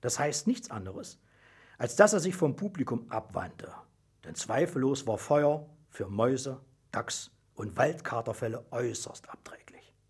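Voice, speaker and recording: A man reading a children's story aloud in a lively, sing-song way. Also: medium pitch, measured pace, slightly rough.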